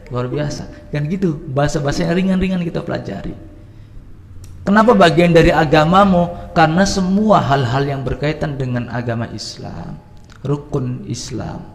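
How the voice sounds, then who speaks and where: A man teaching at a religious study gathering, animated, swinging between loud and soft and mixing in Arabic phrases. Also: medium pitch, gravelly, long reverb tail, a little hiss or hum. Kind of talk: lively Islamic study talk.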